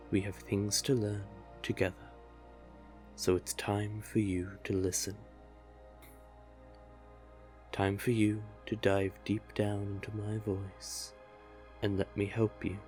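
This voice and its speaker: Faint music plays behind a man whose lowish, flat, slightly mellow voice sounds close to everyday speech. In an intimate audio roleplay he voices a doting, possessive, manipulative male sea witch, creating a hypnotic, coaxing mood as he tenderly and unhurriedly coaxes the listener with pet names.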